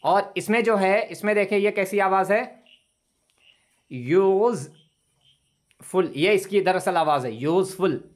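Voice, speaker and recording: A male English teacher giving an online lesson over a video call, patiently explaining grammar rules and repeating words slowly for his students. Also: sits high. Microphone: computer mic on a video call.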